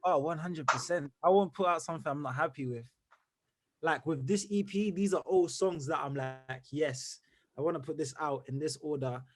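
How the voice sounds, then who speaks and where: A young man from Zimbabwe, a musician answering interview questions in an energetic, rambling way full of fillers. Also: on the high side, normal speed, slight background noise. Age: young adult. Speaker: musician guest.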